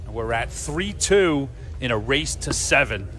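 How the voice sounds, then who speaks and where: Man, mid-pitched voice, live darts commentary, play-by-play, faint music in the background. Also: lively intonation, unhurried, fairly bright tone.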